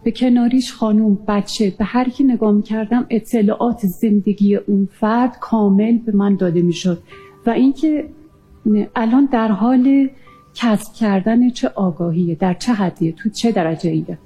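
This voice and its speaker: A woman recounting a near-death experience in an earnest, halting way, often pausing with fillers. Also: medium pitch, dark tone, breathy edge, soft background music. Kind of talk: emotional personal testimony.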